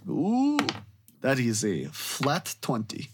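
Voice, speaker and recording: A man plays in a tabletop game session. He talks in a halting way, stopping and restarting often, at an ordinary middle pitch. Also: background noise. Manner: hesitant, halting, many restarts. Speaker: player.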